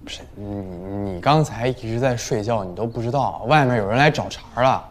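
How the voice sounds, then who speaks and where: A man's voice: on the low side, moderate pace, slight background noise, lightly acted. An actor playing a boastful, easily flustered young man in a TV drama. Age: young adult. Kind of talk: TV drama acting. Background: music.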